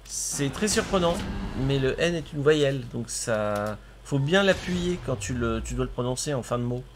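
A man's voice: mid-range voice, animated, normal speed, a little hiss or hum. A man streaming a video game with his cousin, chatting casually, exclaiming at the action and laughing often. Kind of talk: casual gaming commentary.

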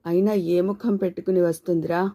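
A woman voicing an aging mother who is blunt, scolding and quick to anger, in an audiobook story. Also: on the low side, steady tone, mellow, close to an everyday voice. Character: aging mother, fierce and grieving widow-like matriarch.

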